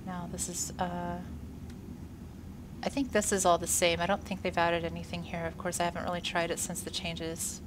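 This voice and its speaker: Against a noisy background, a woman speaks at a fairly low pitch and normal speed with flat delivery, chatting cheerfully about the space game she's playing. She's congested and a little wheezy post-workout and post-illness, saying "uh" frequently. She creates gaming videos.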